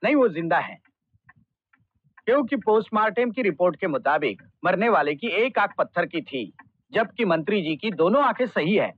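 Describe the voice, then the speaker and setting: An actor playing a firm, commanding investigating officer in an old Hindi film. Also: male voice, high-pitched, expressive, moderate pace, slightly rough. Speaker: CBI officer. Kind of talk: 1990s Hindi film acting. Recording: dull old film soundtrack.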